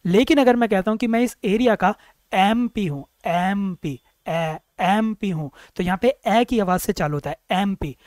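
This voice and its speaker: Man slowly sounding out vowels in a grammar class. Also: high-pitched, darkish tone, dry recording. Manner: repeats words slowly, sounding out each vowel; asks questions then answers them himself. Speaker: English grammar teacher. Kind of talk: exam-prep grammar lecture.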